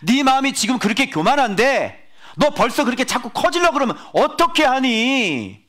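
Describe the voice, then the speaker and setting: A man's voice: extremely high pitch, sing-song, normal speed, fairly bright tone, voice pushed up, exaggerated voice. A man putting on the voice of God rebuking a proud believer, firm and pointed. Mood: stern rebuke. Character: stern fatherly God scolding a proud believer.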